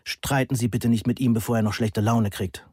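A man's voice: mid-range voice, fairly even intonation, normal speed, darkish tone, husky, no echo, clean studio sound, lightly acted. A man voicing an awkward, placating father in an audiobook. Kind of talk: audiobook dialogue.

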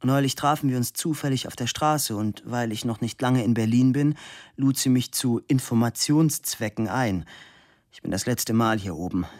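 A man reading aloud, voicing a calm, self-possessed young woman who speaks plainly. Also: mid-range voice, moderate pace, no room sound, clean studio sound, close to an everyday voice. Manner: composed, matter-of-fact.

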